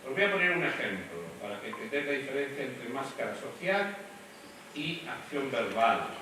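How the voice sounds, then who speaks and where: A man teaching a voice class, lively and demonstrative, speaking straight to his students. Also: medium pitch, normal speed. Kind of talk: classroom lecture. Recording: echoey room, mic from far off, noisy.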